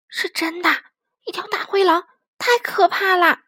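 Brief: timid frightened little boy, high voice, dry close sound, woman voicing him. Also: unhurried, sharp tone, no echo, heavily acted. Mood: scared. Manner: timid, stammering.

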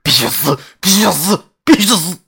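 An enraged male ghost, as a man puts him on, barking one short curse over and over, raised and loud. This is storybook narration with voiced characters. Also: fairly high pitch, sing-song, quick pace, creaky, husky, pitched above the performer's own voice, full character voice. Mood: furious. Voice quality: barking, angry shouts. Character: furious male ghost who only shouts one phrase.

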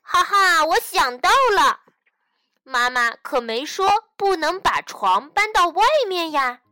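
一位女士扮演的一只活泼的小兔女孩，声音又高又亮，喊起来很响亮。这是儿童故事里的角色，录音干净干燥。. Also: female voice, sits high, animated, normal speed, bright, forceful tone, dry recording, clean studio sound. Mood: excited. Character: little sick girl bunny, eager and lively.

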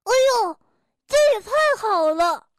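A jolly, proud male beaver dentist from a children's storybook, as a woman reads him aloud. He talks in a bright, beaming, bouncy way, pitched very high and taking his time. The recording is dry and close. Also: animated, takes it slowly, no room sound, exaggerated voice. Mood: explaining. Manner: bouncy, beaming, rhyming patter.

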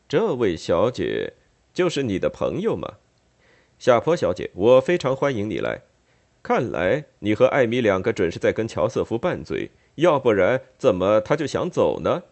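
A man's voice: on the low side, huge pitch swings, normal speed, creaky, a little mellow, heavily acted. A man reading an audiobook, voicing a jovial older merchant father who jokes and teases his son in a hearty voice. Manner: hearty, joking.

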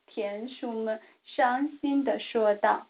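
A woman reading a children's picture book aloud, in a slow, gentle storybook manner, recorded on a tinny phone-like line. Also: fairly high pitch.

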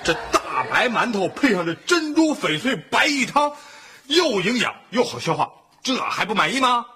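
A man's voice: high voice, very animated, moderate pace, bright, forceful tone, slightly rough, exaggerated voice. A man playing a joking, easygoing husband in a family sitcom who teases his wife playfully. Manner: teasing, playful. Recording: noisy TV sitcom soundtrack.

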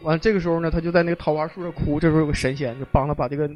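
A man hosting a podcast, telling history as lively, joking, colloquial stories. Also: a little high, very fast, highs cut off, soft background music. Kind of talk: casual storytelling chat.

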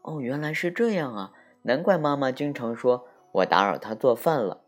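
Figure: a curious, earnest little boy in a storybook voiced by a man. Pitch: raised. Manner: questioning and a bit unsure. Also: expressive, normal speed, natural voice.

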